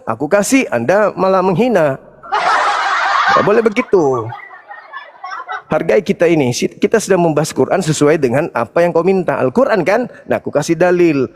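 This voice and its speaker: A man with a high, lively voice delivers a combative debate speech, taunting and lecturing his listeners. His voice swoops up and down as he drives each point home. A long reverb trails every phrase, as if he stands in a large hall. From Indonesia. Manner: taunting, preachy, emphatic. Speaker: Islamic apologetics debater.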